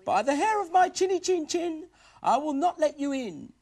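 A man voicing a small, clever little pig in a high, squeaky voice while reading a storybook aloud. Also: very animated, normal speed, a little mellow, heavily acted. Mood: defiant.

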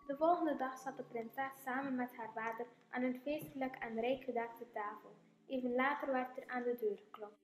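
A woman's voice: high voice, fairly even intonation, moderate pace, a little hiss or hum. Woman narrating a fairy tale.

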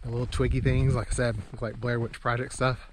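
A man's voice: mid-range voice, flat delivery, fast talker, a little hiss or hum. A man with an Upper Midwest accent rambling in a folksy, self-deprecating way while vlogging outdoors in snowy woods. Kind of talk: casual outdoor vlog.

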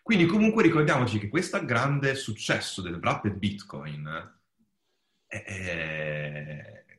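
A man co-hosting a casual panel podcast, explaining technical points at length, halting and restarting as he goes. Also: on the low side, lively intonation, a bit bright, reverberant. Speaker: podcast co-host explaining crypto.

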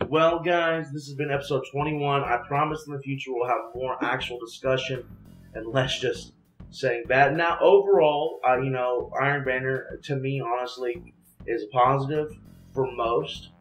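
A man's voice: medium pitch, steady tone, normal speed, roomy sound, soft background music, poor audio. A man hosting a casual gaming podcast over voice chat, rambling and thinking aloud as he talks. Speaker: podcast host. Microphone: voice chat over Discord.

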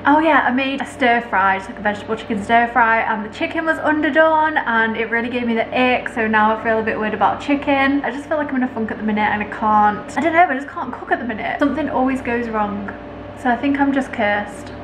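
A woman's voice: on the high side, fast, noisy background. A young woman talking to a camera held at arm's length, chatting in a rambling, upbeat way from her home and her parked car. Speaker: vlogger. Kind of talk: casual vlog chat to camera.

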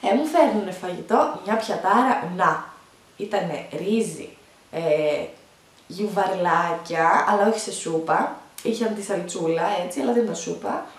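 A young woman vlogger telling the story of her childbirth, animated and laughing often as she talks. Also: fairly low pitch. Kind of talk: storytime vlog, recounting childbirth. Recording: echoey room, voice from a distance.

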